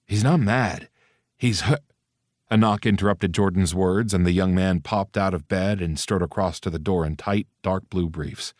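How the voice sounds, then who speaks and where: Very deep male audiobook narrator. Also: steady tone, normal speed, few pauses, a little mellow, dry recording, clean studio sound. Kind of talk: scripted narration.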